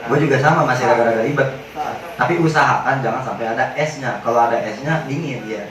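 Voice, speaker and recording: A man teaching Quran recitation rules in casual slang, joking with his class and chanting drawn-out examples. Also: mid-range voice, noisy background. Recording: very echoey hall, mic at a distance.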